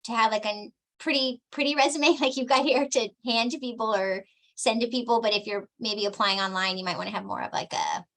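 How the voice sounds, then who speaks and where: Female career coach, fairly high voice, friendly and tentative, casual workshop question. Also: steady tone, a little fast, a bit bright. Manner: friendly, hesitant, trails off.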